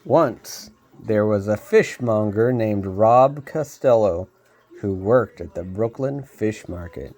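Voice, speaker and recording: Man slowly reading a storybook aloud. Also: on the low side, animated, darkish tone. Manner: unhurried reading with small slips and chuckles.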